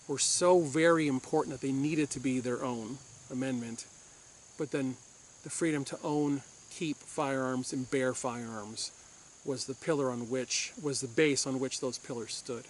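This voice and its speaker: A man's voice: medium pitch, moderate pace, a little hiss or hum. A man from Puerto Rico, a former police officer, hosting a firearms channel and giving an insistent opinion monologue to camera, repeating his points for force.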